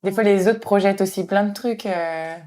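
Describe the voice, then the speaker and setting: A Swiss woman in her twenties, chatting casually and reflectively, often hesitating and trailing off softly. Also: medium pitch, normal speed. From Switzerland. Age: 20s. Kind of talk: casual conversation.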